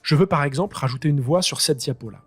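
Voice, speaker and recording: A man teaching his high school students how to use a piece of software, talking them through each click as he improvises. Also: fast, breathy edge, faint music behind. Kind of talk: screen-recorded software tutorial.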